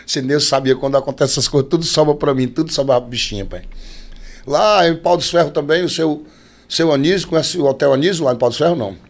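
Um cantor de forró nordestino, homem, contando histórias de bastidor de forma animada, imitando as vozes das pessoas. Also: male voice, a little high, fast talker, vocal fry. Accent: Northeastern Brazilian. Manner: animated, acts out quoted voices. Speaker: forró singer, podcast guest. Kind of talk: casual storytelling.

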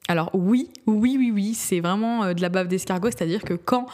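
A woman's voice: medium pitch, normal speed, darkish tone. A young woman talking through her skincare routine in a casual vlog, chatty and giggly, with many fillers and restarts. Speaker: beauty vlogger.

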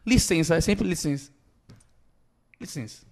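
A man's voice: fairly high pitch, lively intonation, a little slow, gravelly. A man with a Bahian accent chatting casually and animatedly, full of local slang. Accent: Bahian Brazilian. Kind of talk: casual group chat.

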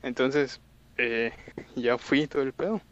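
A man's voice: medium pitch, slow pace, fairly bright tone, muffled recording. Slangy young Mexican man telling a story. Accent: Mexican Spanish. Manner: slangy storytelling, voicing his own past reactions. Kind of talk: casual chat. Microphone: voice call.

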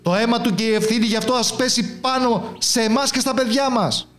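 A man voicing an angry crowd in a storybook, yelling each demand in a shrill, strained voice. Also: very animated, heavily acted. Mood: furious shouting. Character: shouting angry mob of accusers.

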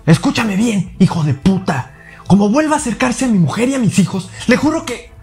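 A man voicing a furious middle-aged male lawyer who shouts threats down the phone in a rage. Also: sits high, animated, brisk, soft background music, pitched above the performer's own voice. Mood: enraged. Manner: shouting, enraged.

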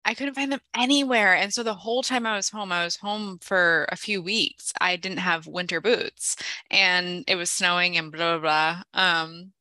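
A young woman co-hosting a casual chat podcast, telling stories in an animated way and laughing often, then explaining health topics. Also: lowish voice, moderate pace, no echo. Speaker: podcast co-host, health practitioner.

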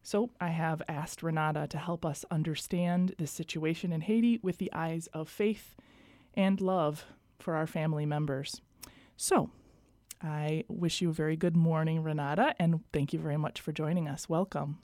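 Soft-spoken woman hosting a radio program. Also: low voice, steady tone, normal speed, dry recording, clean studio sound. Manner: gentle, gracious, scripted introduction. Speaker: radio host. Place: radio studio.

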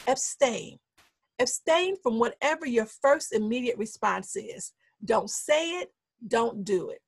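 A woman giving an instructional talk, setting out numbered steps in a steady coaching tone and repeating the key points for emphasis. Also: on the high side, husky, dry recording. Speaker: speaker teaching anger management.

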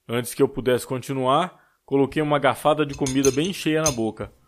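A man reading a story aloud as an audiobook narrator, in a steady storytelling manner. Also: mid-range voice, a little fast, background noise. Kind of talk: scripted narration.

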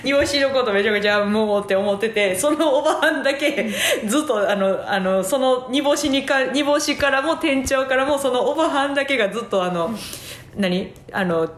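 A woman's voice: sits high, expressive, fairly quick. A woman co-hosting a casual comedy podcast, speaking; she chats loosely, laughs often and fills gaps with many fillers. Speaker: podcast co-host. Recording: roomy echo.

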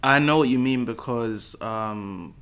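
A young man, a university student, chatting as a podcast guest in a relaxed, agreeable way. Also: medium pitch, a little slow, clean tone. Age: young adult. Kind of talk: casual chat.

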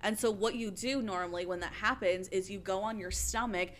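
A young woman chatting casually, telling an animated story full of "like.". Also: medium pitch, brisk, a little hiss or hum. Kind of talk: casual chat.

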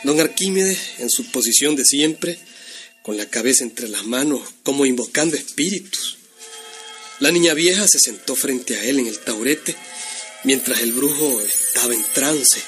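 A man's voice: mid-range voice, normal speed, a bit bright. A man narrating a folksy comic tale as a storyteller. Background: guitar music.

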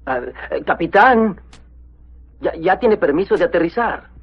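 A man voicing a timid, superstitious gentleman mouse in an animated film, husky, hesitant and stammering with worry. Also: sits high, unhurried, heavily acted. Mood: worried. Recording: muffled lo-fi film audio.

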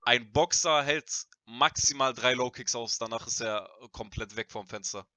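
A young man in casual, slangy debate, speaking in an animated and emphatic way. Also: medium pitch, normal speed, no room sound. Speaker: podcast panelist.

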